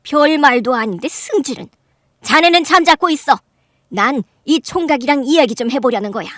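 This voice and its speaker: A shrill, high-voiced middle-aged aunt in a radio drama, mocking and loud. Her voice jumps up in scornful disbelief. The studio sound is dry and close. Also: expressive, normal speed, no room sound. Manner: sneering, loud and incredulous, high-pitched outbursts. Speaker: voice actor. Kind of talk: Korean radio drama acting.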